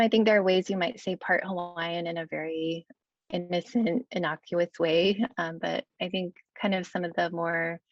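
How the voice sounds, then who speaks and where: Woman, low gravelly voice, dull dry call audio, hesitant, lots of fillers. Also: dry recording. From United States, Kentucky. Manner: hesitant, many fillers and "right?" tags. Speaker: guest scholar. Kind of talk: online Q&A answer.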